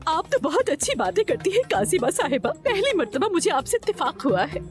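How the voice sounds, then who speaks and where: Dub role: a shrill, hot-tempered young woman, very animated. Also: fairly quick, music in the background. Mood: heated. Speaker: dubbing actor. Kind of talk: Urdu dub of a TV drama.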